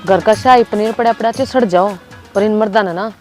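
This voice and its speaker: A woman's voice: medium pitch, brisk, darkish tone. Complaining Haryanvi woman over music. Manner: complaining, gossipy. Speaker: comic actor. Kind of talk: Haryanvi comedy sketch acting.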